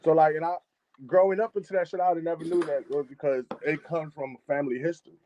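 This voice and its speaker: Speaking fast over a video call, this music engineer from Chicago talks casually as a guest on a live-streamed interview and keeps repeating and restarting phrases. His pitch is fairly high and his tone steady and warm. The highs are cut off and there's a little hiss or hum.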